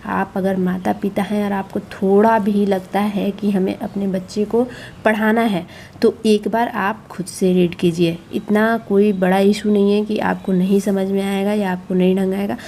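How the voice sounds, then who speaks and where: Woman host, mellow voice, coaxing teacher-like explainer, light background noise. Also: mid-range voice, little pitch movement, normal speed. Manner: coaxing, reassuring, repeats herself often. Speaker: channel host explaining a schoolbook to parents. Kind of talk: explaining a schoolbook to parents.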